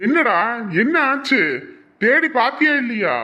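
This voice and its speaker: A man's voice: extremely high pitch, expressive, unhurried, bright, forceful tone, muffled recording, heavily acted. A man playing a loyal friend and coworker who reassures his grieving buddy in a brotherly way. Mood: concerned.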